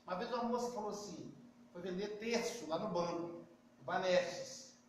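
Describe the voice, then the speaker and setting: A man's voice: sits high, normal speed. A Brazilian man with a Brazilian Portuguese accent telling stories in a casual talk, acting out the dialogue. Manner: anecdotal, acts out dialogue. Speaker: spiritist speaker. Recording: echoey, distant, faint noise.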